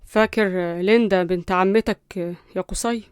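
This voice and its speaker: A woman's voice: medium pitch, steady tone, normal speed, smooth, no room sound, clean studio sound, natural voice. A woman with an Egyptian Arabic accent voicing a serious, earnest middle-aged father.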